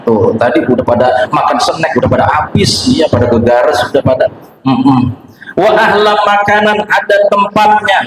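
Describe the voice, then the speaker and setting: A young man with a Betawi accent preaching a comic sermon in a prayer hall, playful and teasing with the congregation. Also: high-pitched. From Jakarta, Indonesia. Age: young adult. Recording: echoey hall from far off with music.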